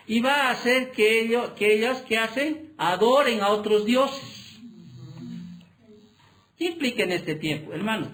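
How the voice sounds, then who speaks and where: Male pastor, high voice, chatty sermon delivery, keeps asking listeners to follow along. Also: fairly bright tone, low-quality recording. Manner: conversational preaching, frequent tag questions; paraphrases dialogue in retelling.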